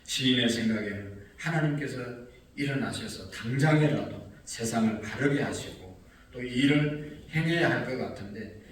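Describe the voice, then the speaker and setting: A man's voice: mid-range voice, lively intonation, normal speed, slight background noise. A man preaching an early-morning sermon as pastor, earnest and rising in emphasis when he quotes scripture. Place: church sanctuary. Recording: echoey distant mic with faint ambience.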